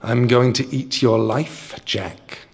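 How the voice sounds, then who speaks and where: A huge hungry troll whispers each word slowly and low, all threat and appetite, as a man puts him on. The voice is airy and unhurried, never rising, creeping through a storybook reading. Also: steady tone, breathy edge. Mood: menacing. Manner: slow, menacing.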